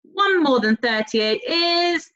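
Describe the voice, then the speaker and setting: A woman teaching a recorded primary school maths lesson, talking directly to young pupils in an encouraging, sing-song way with drawn-out key words and prompting questions. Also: sits high, expressive, a bit bright. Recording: dull, lo-fi sound.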